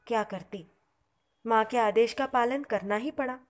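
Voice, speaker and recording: A woman narrating a devotional story in a calm, measured voice. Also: fairly high pitch.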